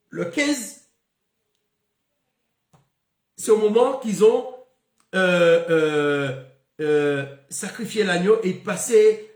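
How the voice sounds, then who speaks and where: A man's voice: high-pitched, roomy sound. A man giving a spoken Bible lesson, stopping often with fillers and repeated words. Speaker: Bible teacher.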